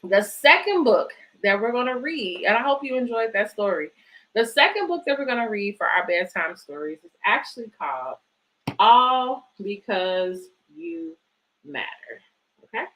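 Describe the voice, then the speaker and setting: Poor audio carries a woman's medium-pitched, fairly bright tone as she leads a children's storytime, reading picture books and cheering families on. She hosts a bedtime story series for kids and is a book organisation director.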